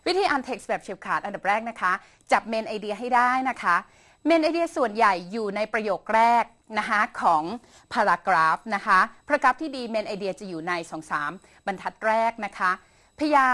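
Bright, high-voiced woman tutor. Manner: polite and encouraging, ends phrases with soft polite particles; explains step by step with English terms mixed in. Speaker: English tutor. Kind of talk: online English lesson answering student questions.

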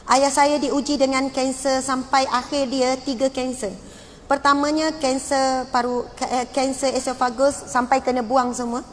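A Malaysian woman preacher telling a heartfelt story in a sermon, dropping in pious exclamations as she speaks. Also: sits high. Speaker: religious preacher. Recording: long hall reverb with faint noise.

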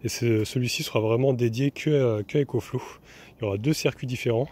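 A man's voice: mid-range voice, fast talker, a little mellow. Chatty man narrating a DIY build. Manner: chatty, many fillers and restarts, talking while working. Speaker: vanlife vlogger. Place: workshop and camper van roof, outdoors.

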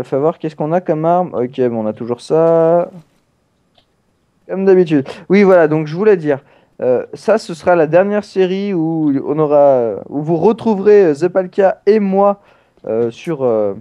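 A man's voice: a little high, lively intonation, a little slow, warm tone, highs cut off. A young man hosting a casual let's play, chatting playfully with many fillers. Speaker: gaming channel host.

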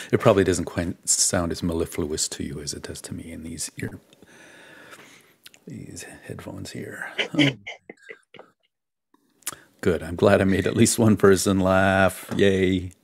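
A man hosting a live online drawing session in casual, chatty talk, self-mocking and quick to laugh, speaking close to a desk mic. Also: sits low, flat delivery, breathy edge. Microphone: close desk mic, wearing headphones.

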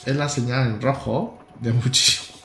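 A man's voice: medium pitch, steady tone, moderate pace, a bit bright, roomy sound. A man in his thirties from Spain, chatting casually and joking as he drives a train in a live-streamed simulator game. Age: 30s. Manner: joking and rambling, with stammered restarts and bursts of laughter. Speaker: gaming streamer.

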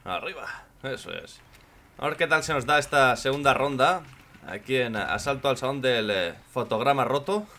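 A man from with a hoarse voice, commenting on his own gameplay in casual chat, joking and swearing a lot. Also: medium pitch, lively intonation, moderate pace. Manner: swears a lot and jokes, shouts when in danger.

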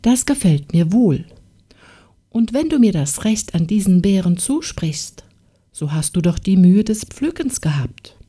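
A woman voicing a kindly, gracious male knight in a fairy tale audiobook, speaking gently and courteously. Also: medium pitch, big pitch swings, measured pace, breathy edge.

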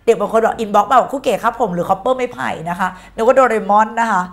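A woman with a Thai accent gives a lively exam-prep English lesson. Her voice sits a little high. She talks in a chatty, teasing way and drops English words into her explanations. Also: quick pace. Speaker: teacher.

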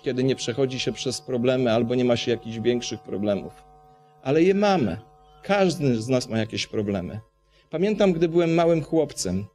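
A man's voice: mid-range voice, darkish tone. A man from Poland preaching a sermon, passionate, asking the congregation rhetorical questions.

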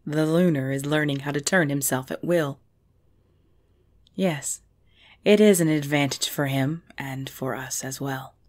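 A woman playing a commanding, possessive vampire ruler and lover in an ASMR roleplay drama, speaking in a formal, imperious, measured way. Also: low-pitched, darkish tone. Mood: controlled, authoritative.

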